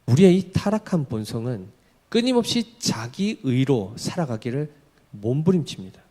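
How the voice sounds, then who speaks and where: A man's voice: mid-range voice, sing-song, normal speed, warm tone. A male pastor preaching a sermon in a conversational way, asking his congregation questions and acting out everyday remarks.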